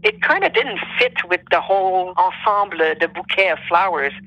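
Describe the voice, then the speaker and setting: A woman's voice: lowish voice, lively intonation, moderate pace, fairly bright tone, no echo, poor audio. A woman who is not a native English speaker tells personal stories conversationally, searching for English words as if translating in her head. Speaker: interview guest telling personal stories.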